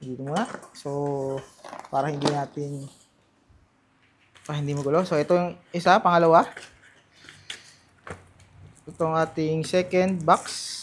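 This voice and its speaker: A Filipino man with a slightly high voice talks through a casual gadget unboxing. He pauses and thinks aloud as he goes, over some background noise and clicks of handling. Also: completely flat delivery. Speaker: gadget vlogger. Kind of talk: casual hands-on unboxing and testing.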